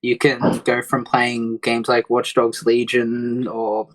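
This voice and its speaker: Brief: relaxed male panelist, mid-pitched, casual delivery with fillers. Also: slow pace, background noise. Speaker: podcast panelist. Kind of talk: casual chat, reading news items.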